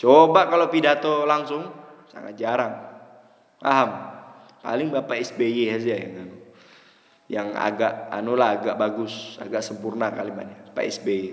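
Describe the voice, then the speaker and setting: A man giving a classroom lecture on Arabic rhetoric who keeps asking his students whether they understand, mixing Arabic terms into his explanations with lively swings in pitch. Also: moderate pace. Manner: lively, wide pitch swings between emphatic high lines and low asides. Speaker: religious teacher. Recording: echoey hall reverb.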